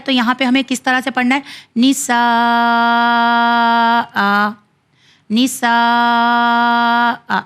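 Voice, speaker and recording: A woman teaching children the rules of Quran recitation, explaining step by step with slow, drawn-out example readings. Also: on the high side, fairly bright tone.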